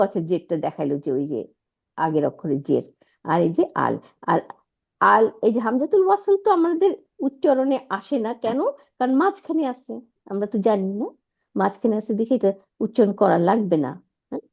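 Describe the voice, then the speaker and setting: A woman's voice: mid-range voice, vocal fry. A woman teaching Arabic grammar, explaining step by step and often asking her students whether they follow. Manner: checks understanding with frequent rhetorical questions. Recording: dull lo-fi audio.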